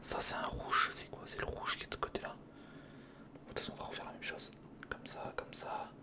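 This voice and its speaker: The pace is brisk as an ASMR creator whispers breathily and without voice, casually thinking aloud and muttering through the steps of a build.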